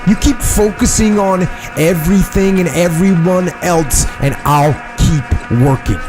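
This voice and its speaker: A man delivering a scripted motivational monologue, deliberate and repetitive, challenging the listener. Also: fairly high pitch. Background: music.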